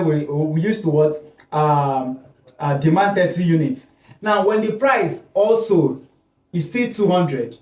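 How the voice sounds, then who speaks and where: A man's voice: high-pitched, a little mellow. Guy teaching economics, keeps saying okay?, voice kinda far from the mic. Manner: asks questions and supplies the answer himself; frequent "okay?" checks. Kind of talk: classroom lecture at a board. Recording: echoey room, voice heard from a distance.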